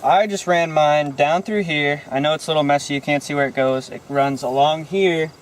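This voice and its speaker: His fairly high voice stays steady and moderately paced, with a little hiss or hum in the recording. The young American host walks through a hands-on car how-to in an offhand, loosely worded way, working outdoors in a driveway and inside a parked car.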